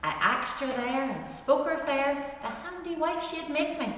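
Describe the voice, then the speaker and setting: A woman's voice: high voice, lively intonation, unhurried, a bit bright, slight background noise, voice pushed up. A woman reciting dialect verse as a rueful, ageing bachelor farmer, with an Ulster Scots accent and a lilting, rhyming storyteller delivery. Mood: resigned. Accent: Ulster Scots, Northern Irish. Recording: very echoey hall, distant microphone.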